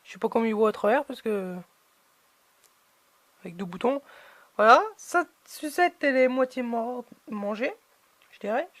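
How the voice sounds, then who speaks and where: A woman's voice: a little high, lively intonation, normal speed, pauses often, fairly bright tone, dry recording. A woman chatting casually as she unboxes collectible figurines, hesitant and full of fillers.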